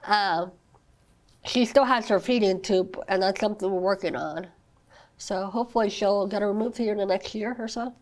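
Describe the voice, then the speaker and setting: Her medium-pitched voice keeps a moderate pace as this young woman, a podcast interview guest, talks earnestly about being the mother of a child with a rare condition. Fillers like "you know" and "I mean" run throughout. She's recovering from an illness, with an occasional cough.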